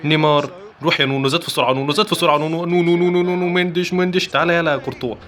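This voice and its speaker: A man with an Egyptian Arabic accent giving excitable commentary while playing a football video game, chanting player names in quick bursts. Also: on the high side, slight background noise. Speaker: gaming YouTuber. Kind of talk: live gameplay commentary.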